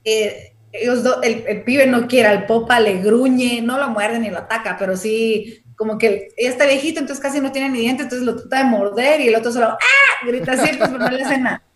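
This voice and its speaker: A woman's voice: a little high, a little fast, hardly any pauses. A woman, chatting casually and acting out little scenes as she talks. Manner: chatty, animated, acts out scenes. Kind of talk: casual chat about her dog. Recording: echoey room.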